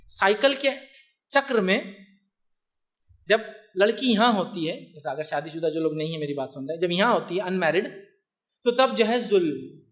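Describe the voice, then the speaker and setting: A man lecturing an audience on a religious topic, lively, with rhetorical questions and teasing humor. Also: high-pitched.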